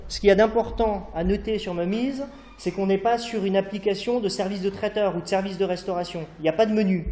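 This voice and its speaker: On a university event hall stage, a thirty-something founder presents his startup live in a high-pitched, warm voice. He keeps it conversational, full of fillers and repeated "d'accord?" check-ins, and the recording has echo, some distance from the mic, and faint room noise.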